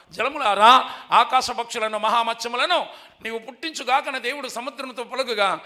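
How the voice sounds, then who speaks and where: A male preacher with a very high, piercingly bright voice leads a revival sermon. He repeats his questions and urges the congregation to shout the answers back. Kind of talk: sermon with call-and-response. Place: church revival meeting.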